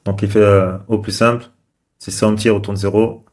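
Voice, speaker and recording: A man's voice: fairly low pitch, little pitch movement, a little fast, a little mellow. A man casually talking through code on screen, thinking aloud with many fillers and restarts. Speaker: developer live-coding host. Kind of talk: casual screen-share commentary.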